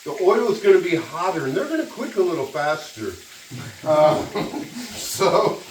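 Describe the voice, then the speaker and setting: The voice is far from the mic in a roomy, echoey kitchen with frying noise. It belongs to a giggly, tipsy cooking host who talks at an unhurried pace. The delivery is casual and exclamatory, with plenty of cursing. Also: mid-range voice, big pitch swings. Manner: giggly, tipsy rambling with frequent laughter; profane, exclamatory. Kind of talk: casual cooking demonstration to camera. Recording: echoey, distant mic, loud sizzle noise. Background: frying sizzle and stirring.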